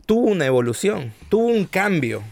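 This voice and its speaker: Man hosting a casual podcast, slightly high voice, dry close mic, friendly and admiring. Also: sing-song, gravelly, a little mellow, dry recording. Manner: friendly, admiring, quick to laugh. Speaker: podcast host.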